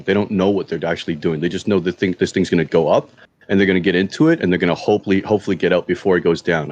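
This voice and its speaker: A man co-hosting a finance podcast, talking in an animated way, laughing and correcting himself as he goes. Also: deep voice, no room sound, dull audio. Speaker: podcast co-host. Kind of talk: casual chat.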